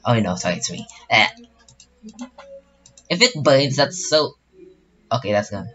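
A man's voice: medium pitch, expressive, unhurried, fairly bright tone, highs cut off. A young man commentating his own online game battle in a casual, rambling way, full of fillers and restarts. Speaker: gaming channel host.

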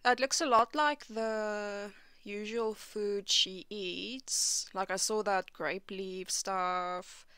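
A woman's voice: mid-range voice, steady tone, takes it slowly, few pauses, bright, forceful tone, soft background music. A woman hosting a reaction channel, giving skeptical and critical commentary.

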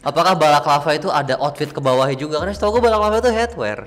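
A man's voice: fairly high pitch, very fast, fairly bright tone. A man, co-hosting a casual fashion chat in laid-back slang while speaking through a face covering. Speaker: co-host. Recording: reverberant room with music behind.

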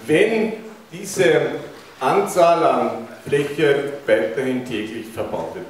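A middle-aged Austrian man delivers a public lecture at a middle pitch, putting questions to the listeners. He speaks into a handheld mic in a big, very echoey lecture hall. The recording picks him up from a distance, with a faint hiss underneath. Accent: Austrian German. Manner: engaging, asks the audience questions. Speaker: keynote speaker. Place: large university lecture hall, indoors. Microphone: handheld mic, recorded by a far camera.

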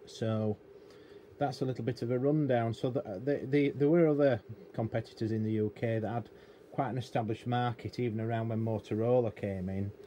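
This is a middle-aged British man, a hobbyist presenter and radio technician, giving a rambling, unscripted, down-to-earth demonstration at a cluttered electronics workbench indoors. His warm, medium-pitched voice keeps a steady tone and moves fairly quickly. Room noise is noticeable in the background.

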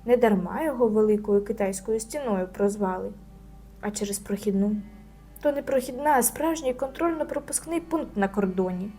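A woman's voice: mid-range voice, moderate pace, dark tone, soft background music, lightly acted. A woman voicing a proud, stubborn schoolgirl in a storybook reading, musing and indignant. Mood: worried musing.

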